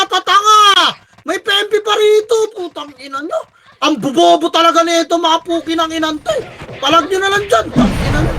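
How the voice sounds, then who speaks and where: A young man leading his squad in an online game, barking rapid repeated callouts and swearing when frustrated. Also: very high-pitched, sharp tone, a little hiss or hum. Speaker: squad leader calling commands. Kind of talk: shouted game commands to a team.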